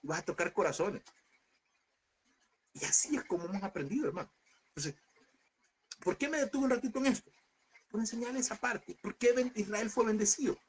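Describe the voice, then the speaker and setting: A man's voice: very high-pitched, fairly quick, long pauses, slight background noise. A man teaching a Bible seminary class, earnest and calling his listeners brother as he tells a personal testimony.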